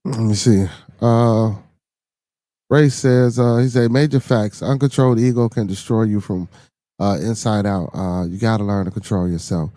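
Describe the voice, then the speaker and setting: A lowish, mellow male voice at a moderate pace comes through a dry recording. The speaker is a middle-aged man with a Chicago accent running a podcast livestream and reading chat aloud, loose and profane, quick to laugh and repeating himself for effect.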